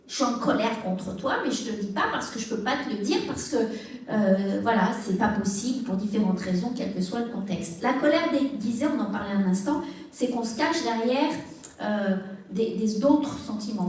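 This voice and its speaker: A woman's voice: fairly high pitch, a little mellow, a little hiss or hum. A woman pastor giving a teaching talk in church, chatty and full of fillers, acting out small dialogues. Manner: conversational, many fillers, acts out little dialogues. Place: church hall. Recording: echoey room, mic at a distance.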